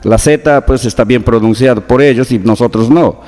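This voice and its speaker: A man's voice: mid-range voice, moderate pace, darkish tone, long reverb tail. A man from the Peruvian Amazon with a Peruvian Amazonian Spanish accent, a researcher being interviewed, explaining patiently with examples. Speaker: guest, researcher.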